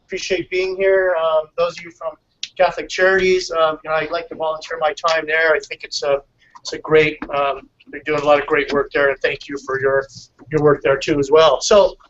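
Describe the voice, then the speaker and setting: A man with a fairly high voice gives a friendly civics lecture to a room of listeners. He is picked up from across the room, so he sounds distant. The sound is dull and carries a faint hiss. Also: fairly even intonation, moderate pace. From California. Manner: friendly, conversational, with restarts. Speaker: attorney teaching a civics class. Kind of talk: classroom lecture.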